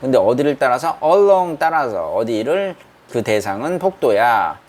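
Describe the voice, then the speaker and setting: A man giving a university English reading lesson in a small room that is not a studio. He reads English sentences slowly, then explains them in Korean and asks the class questions. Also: medium pitch, sing-song, a little mellow. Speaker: English lecturer.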